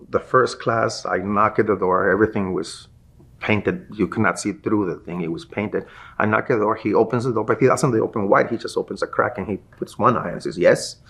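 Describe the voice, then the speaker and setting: A middle-aged man with a low, husky voice tells a story from his past as a martial arts instructor being interviewed. His voice has a gravelly rasp. He acts out the people he quotes as he goes. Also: fairly bright tone. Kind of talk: recounting a personal story in an interview.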